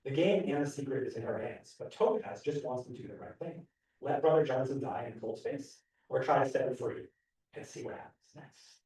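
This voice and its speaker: A man's voice: medium pitch, expressive, fairly quick, a little mellow. A man hosting a library event and reading a book synopsis aloud to introduce the author. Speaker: event host. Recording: very echoey room, voice far from mic.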